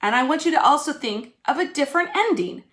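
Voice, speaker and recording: Animated and quick, this woman's fairly high, bright voice carries through an echoey room. As a teacher, she speaks straight to young pupils in an informal video lesson, breaking things down step by step.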